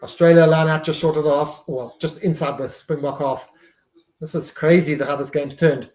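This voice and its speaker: A man's voice: fairly high pitch, steady tone, normal speed, darkish tone, echoey room. A man hosting a live stream, giving casual running commentary on a match and reacting to each play.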